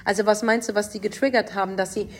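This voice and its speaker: A woman's voice: medium pitch, steady tone, fast talker, a little hiss or hum. A woman hosting a podcast interview, asking probing questions and interjecting often. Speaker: podcast host.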